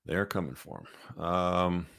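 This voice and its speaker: Very deep-voiced male livestream host. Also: a little slow, gravelly, fairly bright tone. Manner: informal, opinionated, conversational. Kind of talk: casual live commentary to viewers.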